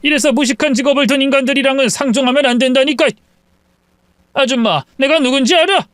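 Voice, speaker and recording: A man voicing an arrogant middle-aged father-in-law who yells and blusters. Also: very high voice, fast talker, no echo, studio quality, voice pushed up. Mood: enraged. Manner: blustering, yelling.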